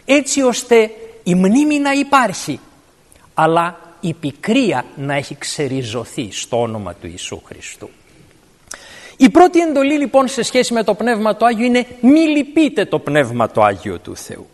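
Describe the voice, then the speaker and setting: A man's voice: high voice, huge pitch swings. A man preaching a sermon, explaining scripture word by word and verse by verse. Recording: long reverb of a large hall.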